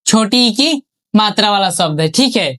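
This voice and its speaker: A woman teacher giving an online spelling lesson. She asks questions and answers them herself, stretches out each syllable and drops her pitch on each finished word. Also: animated, moderate pace, a bit bright.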